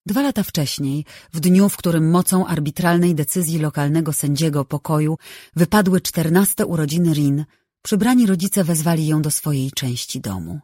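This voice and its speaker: An audiobook narrator reading a novel in a measured, even way on a close microphone. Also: mid-range voice, no echo.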